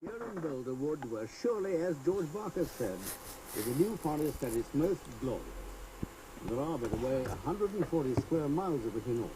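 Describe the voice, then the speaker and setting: A man gives driving directions in a measured, scripted style, heard through the wobbly tape warble of a worn cassette player. His pitch wanders widely as the tape drags and speeds. Heavy tape hiss sits under every word. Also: expressive. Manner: measured, carefully paced directions. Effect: wobbly tape warble from an old cassette player with high wow and flutter. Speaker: tour guide narrator. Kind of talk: scripted narration of a driving tour. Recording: hissy old cassette tape played back aloud.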